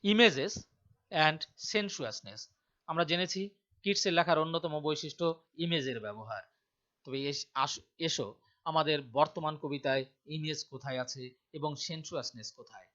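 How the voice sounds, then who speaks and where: A man teaching a poem to students, reading quoted lines slowly with emphasis. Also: on the high side, steady tone, fairly bright tone. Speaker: literature teacher. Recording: dull lo-fi sound.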